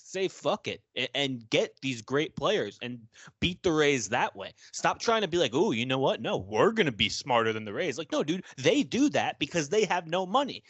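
A man's voice: fairly high pitch, slightly rough, no echo. Dude ranting about his ballclub, voice jumps all over, swears, dry close sound. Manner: animated, profane, acts out quoted voices. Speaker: co-host of a sports fan show. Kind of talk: casual sports chat.

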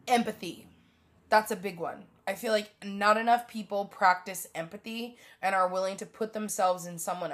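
A young woman hosting a solo podcast from her bedroom, rambling bluntly and swearing often in a casual monologue. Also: fairly low pitch. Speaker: podcast host.

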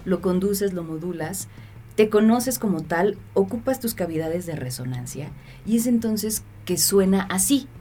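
A woman's voice: mid-range voice, expressive, a little slow, dark tone, soft background music. A woman, a voice actress and teacher, explaining voice work in a confident, playful interview.

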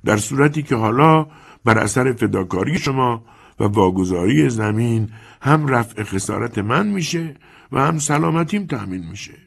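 A man's voice: medium pitch, gravelly, slightly rough, pitched above the performer's own voice, full character voice. A man doing a sly sickly old moneylender. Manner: soft, slow, calmly menacing. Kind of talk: audiobook character voice.

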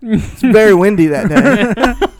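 A man's voice: sits high, lively intonation, takes it slowly, a little mellow. A man co-hosting a podcast, trading loose, crude, joking banter in casual chat. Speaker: podcast co-host.

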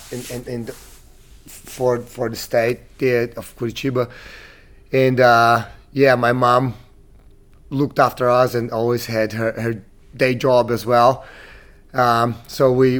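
A man from Brazil in his thirties, a gym owner being interviewed, talking casually with many restarts and fillers. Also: medium pitch.

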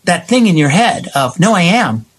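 Here the man, a guest playwright and director, uses a high-pitched, sing-song voice with a breathy edge at a moderate pace. He is emphatic and explanatory in a passionate, conversational way, dramatizing imagined remarks.

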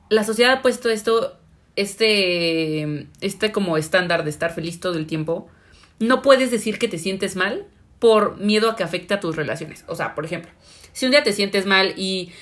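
A woman's voice: medium pitch, a bit bright. A young woman, casually asking questions and thinking aloud on a podcast. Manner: questioning, searching for words with many fillers. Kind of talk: casual chat.

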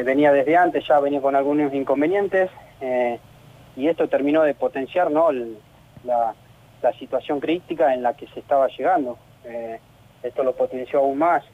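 Heard through a tinny phone connection, this Argentine footballer talks in a radio interview in a medium-pitched voice with an Argentine Spanish accent. He comes across as earnest yet frustrated, stumbling through many restarts and fillers.

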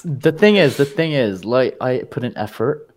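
A man's voice: mid-range voice, expressive, normal speed. A young man opening a casual podcast, rambling and offhand. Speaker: podcast co-host. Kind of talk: casual chat.

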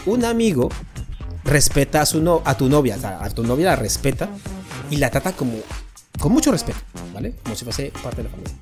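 A man's voice: medium pitch, very animated, fairly quick, darkish tone, soft background music. A man with a Colombian accent hosting a comedic podcast, joking playfully and acting out what his friends say. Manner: jokey, playful, acts out quoted friends. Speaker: podcast host.

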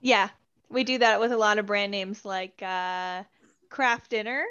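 A woman's voice: mid-range voice, steady tone, a little slow, sharp tone, smooth. A woman from Canada with a Canadian accent, chatting casually and laughing often. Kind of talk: casual chat. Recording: slightly dull lo-fi sound.

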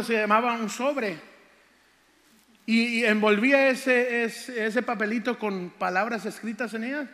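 An older man preaches, stretching out scripture with fervor before drifting into folksy childhood stories. His voice sits high for a man. The church hall around him rings with long reverb. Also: fairly bright tone. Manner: fervent, drawn-out scripture reading, folksy storytelling. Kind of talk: sermon testimony.

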